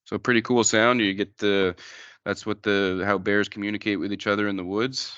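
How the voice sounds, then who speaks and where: A man presenting an informal educational wildlife slideshow, explaining things in a plain-spoken, halting way. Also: on the low side, level tone, fairly bright tone, smooth, no echo, muffled recording.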